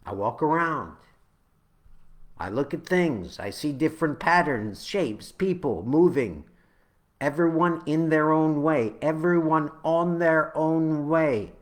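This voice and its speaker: A man with a somewhat high, expressive voice reads his own spoken-word poem, phrasing it in a halting, deliberate way that rises into dramatic swells and sinks into hushed drops.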